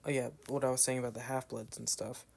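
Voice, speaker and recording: Playing a video game, a young Southern American man keeps up a meandering, casual commentary, dropping "like" constantly and drifting into asides that trail off. His voice is mid-range, creaky and a little mellow, with a level tone and a quick pace.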